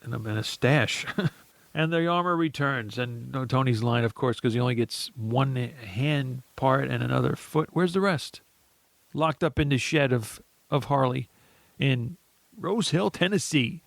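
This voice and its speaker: A man's voice: mid-range voice, a little slow, creaky, no echo. A man co-hosting a podcast, rambling through a casual movie recap with frequent laughs and restarts. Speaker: podcast co-host.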